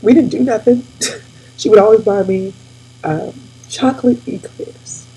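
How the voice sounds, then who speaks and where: A woman in her forties talking casually and warmly to her viewers, tearful and near crying, calling them y'all. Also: medium pitch, measured pace, slightly rough, low-quality recording. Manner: tearful, addresses audience as y'all. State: weepy, near tears. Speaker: host. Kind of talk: casual heartfelt talk to viewers.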